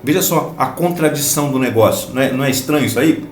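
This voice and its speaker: A man's voice: medium pitch, fast talker, roomy sound, slight background noise. A man from Brazil teaching a Sunday school Bible lesson, explaining each point emphatically and repeating phrases for stress.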